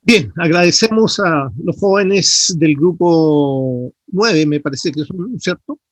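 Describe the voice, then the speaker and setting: A man's voice: on the high side, lively intonation, slow, dry recording. A middle-aged man with a Chilean accent, a dentistry professor giving feedback in an online class and correcting terms with many tag questions. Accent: Chilean Spanish.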